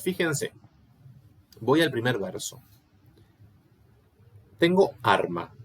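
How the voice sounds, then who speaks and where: A man's voice: medium pitch, husky. A man giving an online Latin class, explaining step by step and often checking that students follow. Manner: patient, explanatory, asks checking questions. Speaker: Latin teacher.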